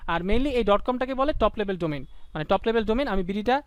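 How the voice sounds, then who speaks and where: A young Bangladeshi man teaches a live online class with a very high, quick voice, pushing students to call out answers and repeating key points over and over. He is playful and jokey. His voice comes through smooth and clear in a dry, close sound. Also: animated, no room sound. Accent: Bangladeshi Bengali. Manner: calls on students to shout answers, drills by repetition; playful, slips into sung lines and mock phrases.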